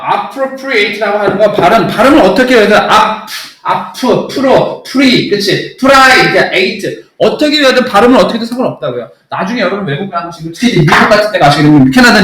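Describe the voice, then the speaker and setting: A man's voice: sits high, fairly bright tone, roomy sound, low-quality recording. A man teaching English in a recorded class, emphatic and blunt, often checking that students understand.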